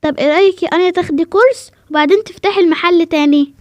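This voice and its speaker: A woman's voice: very high voice, very fast, no room sound, highs cut off. A woman with an Egyptian Arabic accent voicing a caring, encouraging mother in a voiced game role-play, speaking in a soothing, patient way.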